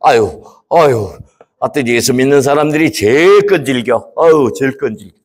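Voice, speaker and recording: A man voicing a greedy, stubborn rich man in a church puppet show, blustering and shouting when angered. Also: mid-range voice, animated, normal speed, natural voice. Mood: scornful.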